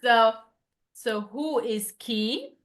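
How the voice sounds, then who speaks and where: A woman's voice: a little high, very slow. A woman teaching a one-to-one lesson over a video call, explaining patiently with many fillers and restarts. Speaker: French tutor.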